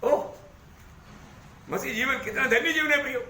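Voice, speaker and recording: A man preaching a sermon to a congregation, animated, calling out and rising to shouts. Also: extremely high pitch, normal speed. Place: church hall with congregation. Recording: echoey hall.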